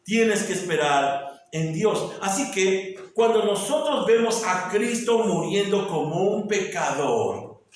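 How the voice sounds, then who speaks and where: A man preaching a sermon. He swings from loud, emphatic peaks down to hushed, almost whispered drops. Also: sits high, sing-song, slow. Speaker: pastor. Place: church hall. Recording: very echoey room, voice picked up from a distance.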